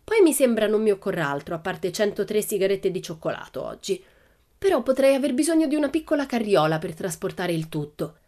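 Storybook: woman reader doing a brash, fearless little girl, high and punchy. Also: very animated, fairly quick, close to an everyday voice. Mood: cheeky. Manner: loud, emphatic and high-spirited. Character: bold cheerful little girl, carefree and cheeky. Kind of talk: audiobook character reading.

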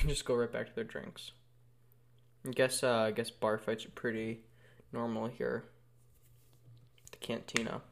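A man's voice: mid-range voice, level tone, unhurried, creaky, pauses often, a little hiss or hum. A man chatting casually through a film commentary, rambling and correcting himself as he talks, recorded in an echoey room without carpeting. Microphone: headphones while recording.

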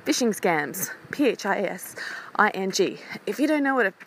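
A noisy handheld home recording of a woman hosting a casual audio diary. She is campy and theatrical, with a pitch that swoops around a lot. Her chatter is playful and candid, often interrupting itself. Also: sing-song, moderate pace, a bit bright. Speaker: podcast host. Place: recorded while walking about at home.

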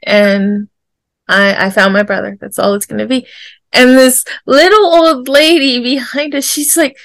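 Creaky-voiced woman telling her story. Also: a little high, a little slow, no room sound. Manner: animated, acts out quotes, laughs often. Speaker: podcast guest. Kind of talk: casual storytelling.

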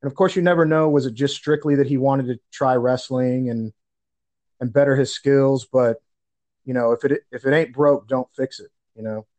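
A man's voice: mid-range voice, fairly even intonation, normal speed, a little mellow. A man co-hosting a podcast, chatting casually and conversationally about fights. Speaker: podcast co-host. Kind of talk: casual sports chat.

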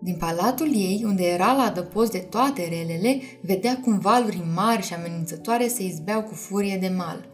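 A woman reading a children's storybook aloud in an expressive, measured way. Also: medium pitch. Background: faint music.

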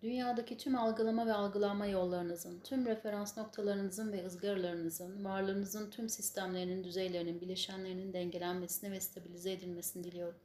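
A woman's voice: mid-range voice, little pitch movement, a little fast, few pauses, darkish tone. Echoey woman leading guided meditation. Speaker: spiritual healing session leader. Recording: echoey room, faint background noise.

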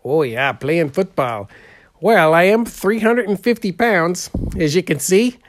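A man's voice: high-pitched, expressive, unhurried, slight background noise. A man playing a goofy, heavyset portrait painter in an improvised comedy interview, drawling and rambling with lots of "uh" and "there".

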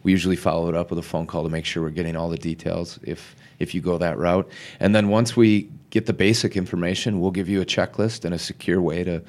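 Low-voiced man, casual podcast guest. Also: fairly even intonation, quick pace, few pauses, a little mellow. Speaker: podcast guest, mortgage professional. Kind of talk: casual conversational explaining.

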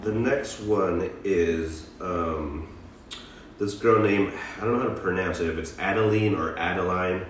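A man's voice: low-pitched, measured pace, roomy sound, far from the mic, slight background noise. A man co-hosting a casual music chat, introducing songs with many hesitations and fillers. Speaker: co-host presenting songs.

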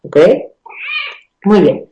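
Mexican woman, educator type, mellow tone, conversational explainer, echoey room. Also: extremely slow, dull audio, slight background noise. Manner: explanatory, many restarts and tag questions.

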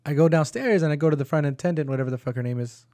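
A young man telling a story in a casual chat, animated and full of slang and swearing. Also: a little high, rapid-fire, no echo. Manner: animated, swearing, acts out quotes. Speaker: podcast co-host.

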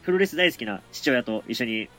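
A man's voice: mid-range voice, expressive, quick pace, a bit bright, faint music behind. A man co-hosting a podcast, telling stories in a chatty, easygoing way. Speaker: podcast co-host. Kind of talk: casual podcast chat.

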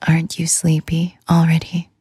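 A woman hosting a sleep podcast, talking in a soft, soothing whisper. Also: low voice, monotone, moderate pace, husky. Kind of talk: whispered ASMR sleep talk.

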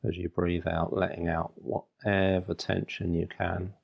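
Male meditation guide, very creaky and husky, unhurried short phrases, flat delivery. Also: low voice, highs cut off. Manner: soothing, unhurried instruction in short phrases with long pauses.

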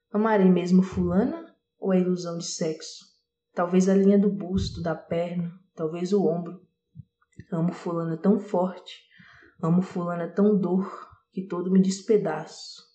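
A woman giving a dramatic poetry recitation, lingering on single words with shifting loudness. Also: fairly low pitch, highs cut off. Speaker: poetry reader. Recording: roomy echo.

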